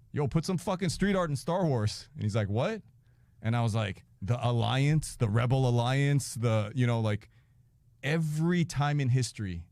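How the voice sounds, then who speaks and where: A man's voice: mid-range voice, a little mellow, no echo. A man telling a rambling, profane story as a podcast guest, acting out quotes and laughing mid-sentence. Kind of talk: casual anecdote-telling.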